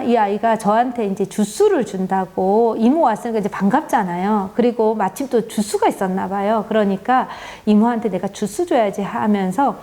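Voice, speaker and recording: A middle-aged woman giving an earnest parenting talk, telling stories and often affirming with short "yes" sounds. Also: mid-range voice. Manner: earnest, warm storytelling with many "네" affirmations. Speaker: parenting lecturer. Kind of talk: parenting talk with acted examples.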